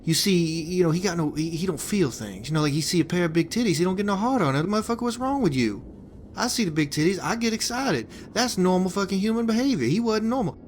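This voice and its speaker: A man's voice: sits high, lively intonation, quick pace, a little hiss or hum. An actor playing a crude, rambling male hitman boss in a video game, talking in a profane, stammering flow full of restarts. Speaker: game character giving a hitman job.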